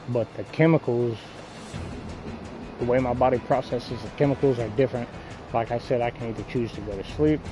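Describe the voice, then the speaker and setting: A man's voice: mid-range voice, poor audio. A man rambling casually and bluntly with plenty of swearing, talking with a lip full of dipping tobacco. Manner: blunt, coarse, frequent swearing. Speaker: gaming video creator.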